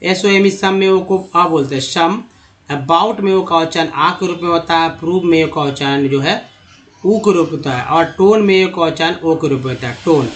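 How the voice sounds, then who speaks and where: A man teaching a slide-based language lesson as a voice-over, slowly spelling words out letter by letter and calling his viewers friends. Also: fairly high pitch. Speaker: English teacher.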